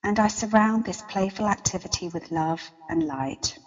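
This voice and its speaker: A woman leading a guided meditation as a guide, with a slow, soothing countdown delivery. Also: mid-range voice, fairly even intonation, big-room sound, highs cut off. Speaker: meditation guide and interview guest.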